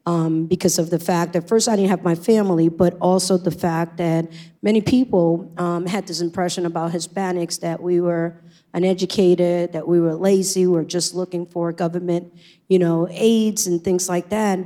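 A middle-aged woman from Puerto Rico, a native Spanish speaker with a Puerto Rican accent, shares her personal testimony as a church member. Her voice is fairly low and dark, with a steady tone and moderate pace. She speaks earnestly and reflectively, with frequent ums.

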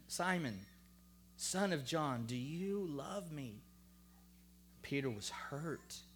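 A man preaching a sermon, emphatic and rhetorical, calling on the congregation, then lowering to a hushed voice when reading scripture. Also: a little hiss or hum. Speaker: pastor.

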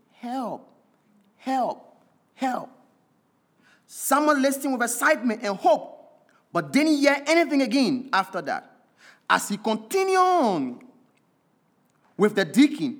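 A preacher telling a sermon illustration story with deliberate pacing and dramatic pauses, then exhorting listeners with emphatic repetition. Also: mid-range voice, a bit bright.

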